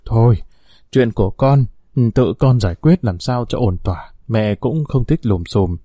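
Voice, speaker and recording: A man reading a storybook as a calm, level-headed older mother who speaks in a measured way. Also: medium pitch, dry recording, studio quality.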